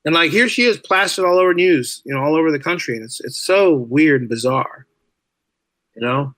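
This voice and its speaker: Speaking a bit quickly isn't his style here: this middle-aged teacher and writer guests on a podcast at a moderate pace, his slightly high voice animated and a bit bright on a dry recording. He spins informal, chatty stories, leaning on repeated phrases to drive points home.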